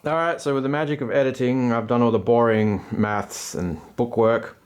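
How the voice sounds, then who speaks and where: A man's voice: mid-range voice, steady tone, normal speed, darkish tone. A man giving casual running commentary as he plays a tabletop game alone, with slangy, self-deprecating asides. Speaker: host and player of a solo tabletop game.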